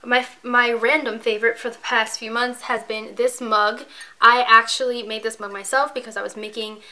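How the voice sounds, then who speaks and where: A woman's voice: on the high side, little pitch movement, normal speed, bright, forceful tone. A young woman from Tampa chatting casually to camera in a vlog, gushing and bubbly, a bit out of breath and tired. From Tampa, Florida. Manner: gushing, bubbly, repeats "obsessed" and "like". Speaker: beauty YouTuber.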